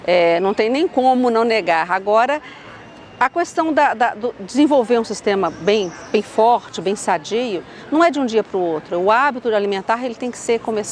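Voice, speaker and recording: A woman in her sixties answers an interview question outdoors in a city park. She is earnest and thinks aloud as she goes. Her voice sits a little high. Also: expressive, normal speed, a little mellow. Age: 60s. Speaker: interviewee on the street.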